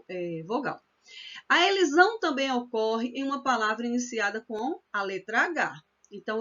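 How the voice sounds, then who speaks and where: A woman with a Northeastern Brazilian accent teaching a poetry workshop, explaining patiently and repeating examples slowly. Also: a little high, fairly bright tone, muffled recording. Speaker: cordel literature workshop teacher. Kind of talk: online workshop lesson.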